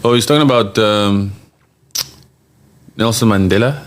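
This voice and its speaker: A man's voice: on the low side, a little slow. A man hosting a podcast, chatting casually and reading viewer comments aloud, emphatic and laughing often. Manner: animated and emphatic, laughs often, repeats phrases for effect. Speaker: podcast host.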